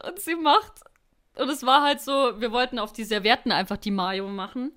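Brief: young woman, podcast co-host, animated storyteller, slightly high voice. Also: moderate pace. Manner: animated storyteller, often bursts into laughter. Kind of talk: casual podcast chat, storytelling.

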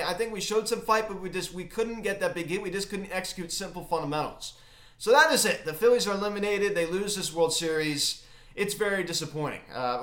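A man hosting a casual sports recap, talking in a halting, emphatic fan's manner, recorded in an empty closet. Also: a little high, a bit bright. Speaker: sports recap video host. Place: empty unfurnished closet in a home. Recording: echoey small bare room.

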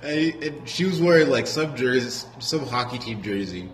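A man's voice: medium pitch, expressive, moderate pace, very noisy. A man in casual chat with friends, swearing, laughing a lot and acting out the voices in his stories. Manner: laughs often, profane, acts out voices. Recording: echoey room with crowd behind.

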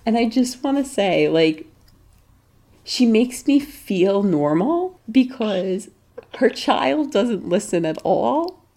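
Animated mom, mellow voice. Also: female voice, mid-range voice, slow. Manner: animated storytelling, acts out kids and other adults. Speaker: mom telling a story. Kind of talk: casual phone chat.

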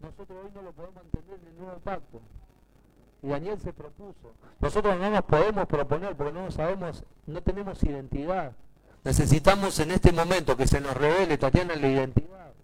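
A male pastor with a Rioplatense accent preaching a sermon, swinging from hushed asides to loud, emphatic declarations. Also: on the high side, brisk, low-quality recording. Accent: Rioplatense Spanish.

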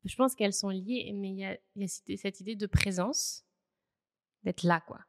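Casting: woman, podcast host, mid pitch, animated chat, reverberant room. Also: normal speed. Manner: lively, laughs easily. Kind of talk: casual conversation.

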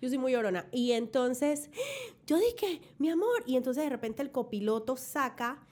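A woman's voice: high-pitched, lively intonation, moderate pace, a little mellow. Effusive woman telling a story. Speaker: guest. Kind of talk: casual chat.

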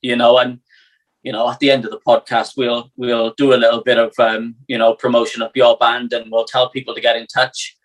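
A man's voice: mid-range voice, level tone, brisk, low-quality recording. South Wales man hosting, matey delivery. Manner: matey, informal, encouraging. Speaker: podcast host. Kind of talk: casual podcast interview.

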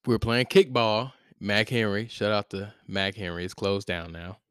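A man's voice: on the low side, fairly even intonation, moderate pace, a bit bright, clean tone, dry recording. Casual young male podcast co-host, laid-back slangy storyteller, dry close mic. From St. Louis area.

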